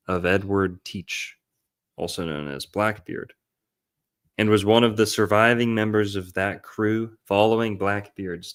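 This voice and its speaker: A man's voice: on the low side, smooth. A man hosting casual commentary, sometimes reading aloud from text. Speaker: livestream host.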